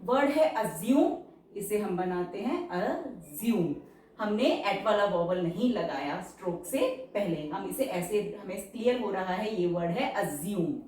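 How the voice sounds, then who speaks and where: A woman teaching shorthand step by step, patiently checking that each word is clear. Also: medium pitch, lively intonation, a little mellow, distant mic, slight background noise. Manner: slow, patient, checks understanding. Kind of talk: step-by-step lesson explanation. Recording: echoey room, voice away from mic.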